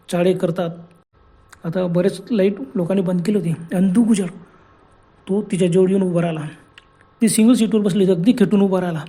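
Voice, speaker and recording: A man narrating a horror story in an unhurried, conversational way, often repeating himself. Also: high voice, mellow. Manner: unhurried, conversational retelling with repetitions.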